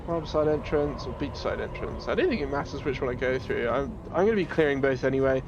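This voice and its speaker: A man's voice: mid-range voice, animated, fast talker, highs cut off. A man giving casual, playful commentary as he plays a video game, muttering asides to himself. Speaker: gaming video host. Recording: game water noise behind commentary.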